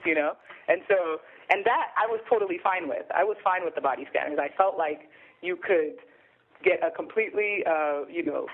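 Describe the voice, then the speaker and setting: A man on the phone giving his views in a casual discussion, pausing often with ums and uhs. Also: fairly high pitch. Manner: hesitant, many ums and uhs. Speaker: guest commentator. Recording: tinny phone line.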